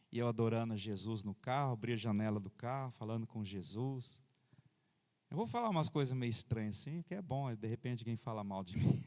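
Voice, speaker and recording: A man's voice: mid-range voice, a little mellow. A man, a pastor preaching a sermon in a church in a chatty, personal way, with frequent amens and hallelujahs, into a handheld microphone. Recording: reverberant church hall.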